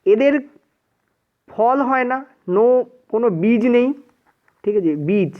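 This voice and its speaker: A man with a Bengali accent teaches an exam-prep science class, asking whether things are clear after nearly every phrase and slipping English terms into his talk. His voice sits high for a man. The sound is narrow and tinny, as if heard over a phone. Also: slow pace. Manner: repeats "ঠিক আছে" often, mixes English words in.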